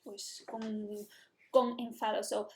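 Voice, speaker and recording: A woman with a Spain Spanish accent walks her class through an English lesson, chatty and explanatory. Her voice sits high. The recording carries a noticeable roomy echo. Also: flat delivery, slow, darkish tone, slight background noise. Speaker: English teacher.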